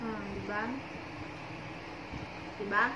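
A woman's voice: mid-range voice, little pitch movement, very slow. A young woman, talking through a full mouth while chewing during a casual food review. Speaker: food vlogger. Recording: echoey, distant, loud background noise.

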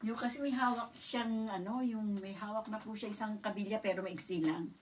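A woman's voice: mid-range voice, fairly even intonation, fairly quick. A middle-aged woman from the Philippines tells a personal story in her vlog, polite and acting out the dialogue as she goes, picked up on a distant mic with faint noise. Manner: polite, retells events with quoted dialogue. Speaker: vlogger.

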